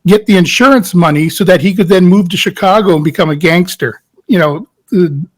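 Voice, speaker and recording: A man's voice: high voice, a little fast. A middle-aged actor telling a set story in an interview, acting out his own past reactions in a frantic voice. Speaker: guest actor. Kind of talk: animated anecdote in a casual interview.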